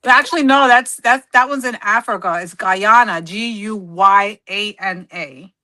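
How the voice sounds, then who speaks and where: A woman from the United States whose first language is Spanish co-hosts a scrapbooking livestream, chatting casually while crafting and often pausing to search for words or correct herself. Her medium-pitched voice is bright and forceful, a little slow, and the recording is dry.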